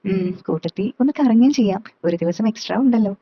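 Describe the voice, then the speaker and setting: A woman's voice: mid-range voice, animated, a little fast, husky. A woman voicing a cheeky young man. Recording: slightly dull, dry recording.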